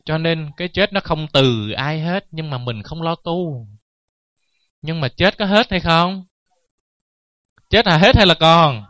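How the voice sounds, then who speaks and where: A man's voice: fairly high pitch, animated, takes it slowly, long pauses, fairly bright tone, dry recording, dull audio. A man who is a Buddhist monk giving a sermon, telling stories with jokes and laughing at them. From Vietnam. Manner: joking, anecdotal, laughs at his own stories. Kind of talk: dharma talk sermon.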